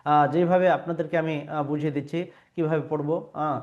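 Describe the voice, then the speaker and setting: A man with a somewhat high voice gives a patient lesson on pronouncing Arabic letters. He stretches each sound out to model it and pauses often with small fillers. The recording sounds dull and lo-fi. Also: little pitch movement, darkish tone. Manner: patient and explanatory, models sounds by drawing them out; frequent hesitation fillers. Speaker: Quran reading teacher.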